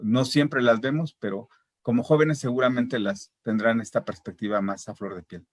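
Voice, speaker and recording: A man's voice: mid-range voice, normal speed, dry recording. A man speaking as a parent on a casual discussion panel, talking hesitantly with many fillers and tag questions as he works through numbered points. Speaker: parent guest.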